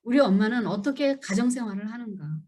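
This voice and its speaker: A woman's voice: animated, fast talker, a little mellow. A middle-aged woman giving a church seminar lecture, emphatic and asking the audience questions. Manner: acts out children and parents in high voices.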